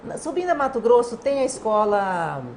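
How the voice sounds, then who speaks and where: A woman guest on an interview program, explaining communication in a lively way and acting out little dialogues. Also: fairly high pitch, moderate pace, a little hiss or hum. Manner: animated, acts out quoted dialogue.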